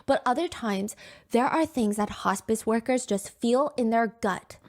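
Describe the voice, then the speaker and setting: A woman's voice: a little high, a little slow, darkish tone. A woman hosting a true crime show, narrating in a conversational way with asides and light humor. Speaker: true crime podcast host. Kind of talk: storytelling narration.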